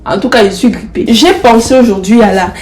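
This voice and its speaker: A young woman with the flu and a blocked nose gives a casual motivational talk to camera, speaking a bit fast in a mid-range, darkish voice. She affectionately coaxes her viewers and repeats phrases for emphasis, and the room has a noticeable echo.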